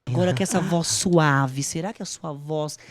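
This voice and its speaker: A camp, teasing reporter works backstage at a drag show, playfully quizzing contestants. The voice sits at a middle pitch. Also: moderate pace. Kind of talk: playful on-the-spot interviewing.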